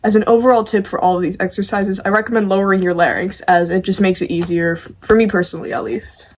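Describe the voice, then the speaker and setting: A woman's voice: mid-range voice, steady tone, fast, slight background noise. A woman presenting a tutorial casually, with an informal, self-deprecating way of talking. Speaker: amateur vocalist presenting a tutorial.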